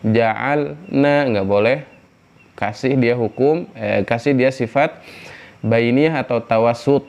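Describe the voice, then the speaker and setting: A man teaching Quran recitation rules, patiently explaining and drawing out syllables slowly to demonstrate. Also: mid-range voice, a little mellow, lo-fi sound. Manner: patient, repeats syllables slowly to model pronunciation. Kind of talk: tajwid lesson with slow demonstrations.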